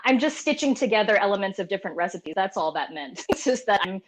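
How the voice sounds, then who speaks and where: A woman's voice: medium pitch, lively intonation, quick pace. A woman contestant explaining her dish on a video call, giggly and a little flustered.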